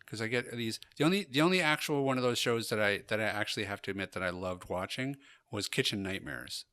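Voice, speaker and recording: A man's voice: lowish voice, fast talker, sharp tone, clear, resonant tone, no room sound. A man hosting a podcast in casual chat, curious and full of questions for his co-hosts. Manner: chatty, curious, asks lots of questions. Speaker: podcast host.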